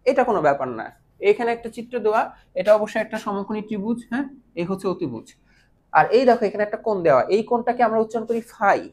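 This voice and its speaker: A woman with a mid-range, darkish voice talks very fast as she gives an online math class. Still patient, she keeps checking with questions that her students follow, dropping English math terms into her explanations.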